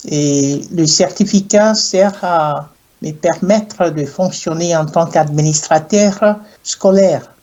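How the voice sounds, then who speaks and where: A middle-aged man from Ghana, an English speaker, answering interview questions in a slow, hesitant way with many pauses and fillers. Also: fairly high pitch, darkish tone, muffled recording. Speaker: guest, clergyman and university French teacher.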